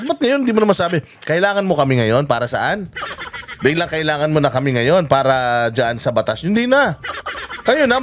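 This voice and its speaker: A man's voice: on the high side, a little hiss or hum. A man with a Filipino accent ranting in mocking, angry commentary and swearing often as a vlogger reacts to news clips. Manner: angry, mocking, swears a lot, switches between Tagalog and English. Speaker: political vlogger.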